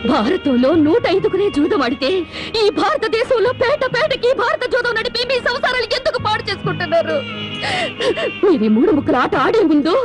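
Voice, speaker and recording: An actress playing a wronged young wife who speaks with bitter sarcasm and tears, in melodramatic film dialogue. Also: female voice, very high voice, big pitch swings, a little fast. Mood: bitter accusing. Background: film score music.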